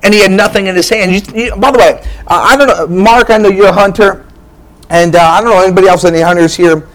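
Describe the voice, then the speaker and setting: A pastor in full sermon mode, a man whose voice sits high. He preaches with bouncy energy and cracks jokes at his listeners' expense. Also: quick pace, low-quality recording. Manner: energetic, joking preacher who keeps asking "all right?".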